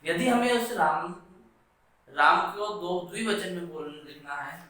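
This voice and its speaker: A man's voice: high-pitched, expressive, bright, forceful tone. A man teaching schoolchildren at a blackboard, patiently explaining, asking and answering his own questions, and drawing out each stressed word. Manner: drawn-out, stressed Sanskrit words. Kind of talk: classroom lesson at a blackboard. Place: classroom. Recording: echoey room, voice from a distance.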